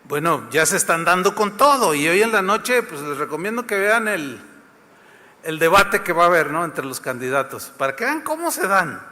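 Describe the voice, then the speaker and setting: A man's voice: high voice, sing-song, normal speed, sharp tone, long reverb tail. A man with a Mexican accent preaching a sermon, retelling scenes vividly and addressing the congregation. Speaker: pastor.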